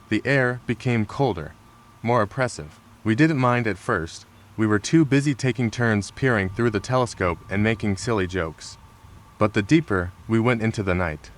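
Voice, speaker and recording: A man with a fairly low voice reads a scary story in a measured, unhurried way. His delivery is calm and scripted, and faint rain patters behind him. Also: slight background noise. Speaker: horror story narrator. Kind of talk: scripted narration. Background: rain sounds.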